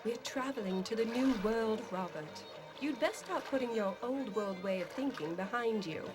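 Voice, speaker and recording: A woman's voice: a little high, animated, normal speed, lightly acted. A woman voicing a prim newlywed ocean-liner passenger. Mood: reproachful. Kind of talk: adventure game voice acting. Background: game music.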